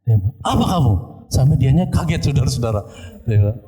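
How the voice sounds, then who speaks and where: A man's voice: medium pitch, animated, fast talker, mellow, breathy edge, low-quality recording. A male pastor telling a story during a church service, often turning to address the congregation. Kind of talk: sermon testimony.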